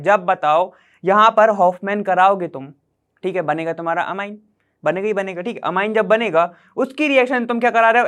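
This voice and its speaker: A man's voice: high voice, a bit bright. A man teaching chemistry problems step by step, chatty, quizzing the viewer and checking in with short "okay"s as he works. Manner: chatty, quizzes the viewer, keeps saying "theek hai".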